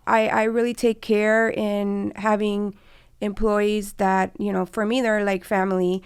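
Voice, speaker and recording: This interview guest, an immigration lawyer and partner at a law firm, is in her forties and came to the US from Cuba, where she was born, as a child. Recounting her story conversationally, she speaks at a measured pace in a clear, resonant, mid-range voice with a level tone. The studio sound is clean, without echo.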